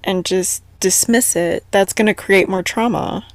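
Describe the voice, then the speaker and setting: A woman's voice: mid-range voice, fairly even intonation, measured pace, no echo. A woman co-hosting a podcast in casual chat, teasing and laughing along. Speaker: podcast co-host.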